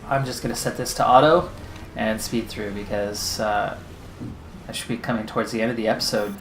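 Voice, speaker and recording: A man's voice: fairly low pitch, fairly even intonation, brisk, reverberant, slight background noise, rough recording. A man hosting a racing management game video, talking through his race strategy in anxious, pleading running commentary. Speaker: gaming channel host. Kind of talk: let's-play commentary.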